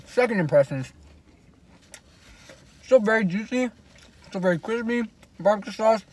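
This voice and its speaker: A man's voice: high voice, animated, moderate pace, darkish tone. A young man giving a playful, mock-serious food review with his mouth full of food, chewing and savoring audibly. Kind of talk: casual joking food review.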